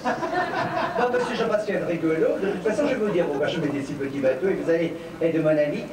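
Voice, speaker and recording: A man's voice: a little high, animated, brisk, a crowd in the background. A man in drag doing bawdy, theatrical cabaret comedy on stage at a stand mic. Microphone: stand mic, filmed from afar. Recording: echoey far-off home video of a stage.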